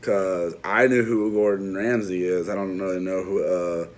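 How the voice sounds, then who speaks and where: Speaking straight to his audience in a low, steady voice at normal speed, this guy reviews a movie off the cuff. He's chatty and rambling, restarting often and trailing off into asides.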